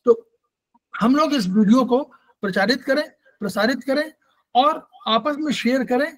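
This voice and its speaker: A man's voice: extremely high pitch, moderate pace, low-quality recording. A man teaching an acupressure class, explaining patiently and repeating key points, mixing English terms into his talk.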